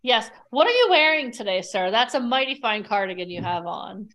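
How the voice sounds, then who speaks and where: Brief: upbeat, chatty woman host, slightly higher voice, speaking over a video call. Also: big pitch swings, brisk, fairly bright tone. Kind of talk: livestream workshop hosting.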